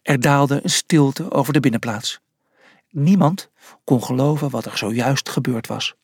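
A man narrating a children's audiobook chapter, slow and deliberate. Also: mid-range voice, breathy edge, no echo, studio quality.

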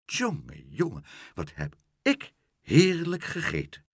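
A man's voice: mid-range voice, wildly swooping pitch, slow pace, breathy edge, dry recording, studio quality, voice pushed up, heavily acted. A man voicing a sly, boastful tomcat in a children's storybook reading. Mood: smug teasing. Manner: smug, teasing.

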